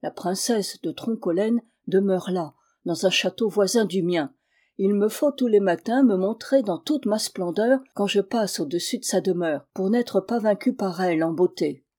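A woman reading aloud and voicing the sun as a loud, hungry male giant. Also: medium pitch, normal speed, natural voice. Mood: gracious.

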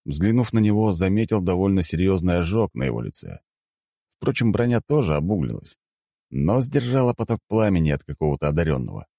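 A male audiobook narrator tells a first-person fantasy story in a low, dark voice. His pitch moves a lot, and the read is close-miked and dry. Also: gravelly, no room sound. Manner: measured, expressive storytelling.

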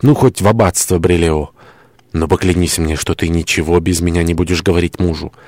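A man reading as a young lover in torment, fervent and pleading, in a deep low voice that stays close to the reader's own. The audiobook sound is dry and near the mic. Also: steady tone, fairly quick, a little mellow, dry recording.

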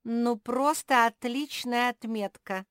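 A woman's voice: medium pitch, lively intonation, a little slow, no echo, studio quality, pitched above the performer's own voice, lightly acted. A woman voicing a cheeky, teasing squirrel boy in a storybook reading. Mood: mocking. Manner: sly, giggling, teasing.

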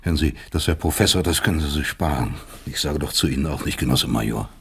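A male actor performs German radio drama, delivering both dialogue and inner monologue as a bitter, brooding East German doctor and professor. His deep, husky voice is heavily acted, cold and sardonic in mood. The delivery is deliberate, rhetorical and emphatic.

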